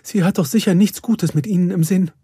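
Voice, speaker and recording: A man voicing a gentle, worried female dog who is a young mother, in a storybook audiobook, speaking anxiously and close to tears. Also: sits high, a little fast, breathy edge, no echo, pitched above the performer's own voice, exaggerated voice. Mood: fearful. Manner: anxious, fearful, near tears.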